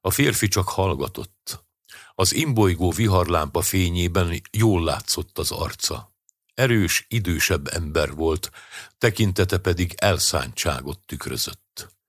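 A man narrating an audiobook story in a measured, even way. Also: low-pitched, no room sound, studio quality.

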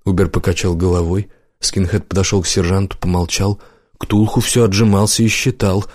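A man narrating an audiobook in a measured, even storytelling manner, close to a studio mic. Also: low voice, no echo.

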